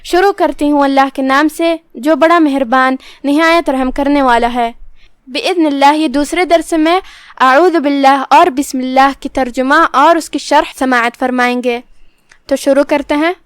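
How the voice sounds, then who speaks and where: A woman teaching Quran recitation, slowly and carefully explaining how each letter is pronounced. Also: high-pitched, dry recording, studio quality. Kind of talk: step-by-step tajweed lesson.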